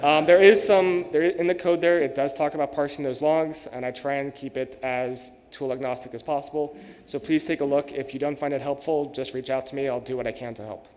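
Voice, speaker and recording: A man's voice: mid-range voice, fairly even intonation, darkish tone. A man giving a technical conference talk and answering questions, speaking casually with many "like"s. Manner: casual, quick, uses "like" and "sort of" often. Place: conference hall. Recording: reverberant conference hall.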